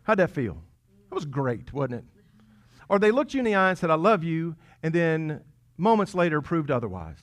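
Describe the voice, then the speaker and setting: Man pastor preaching; easygoing, teasing, punches key lines then drops low. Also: sing-song, normal speed. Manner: conversational and playful, swinging between loud emphasis and quiet asides. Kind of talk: sermon. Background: congregation chuckling.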